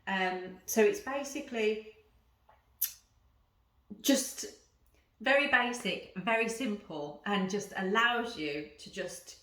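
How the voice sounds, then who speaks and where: A woman leads a yoga and breathwork class in a bright, forward voice. She instructs step by step in an informal way. The room is echoey and she sounds a little way from the microphone. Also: mid-range voice, takes it slowly, long pauses. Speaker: yoga teacher. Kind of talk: guided yoga and breathing lesson, explaining and instructing. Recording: roomy echo, voice at some distance.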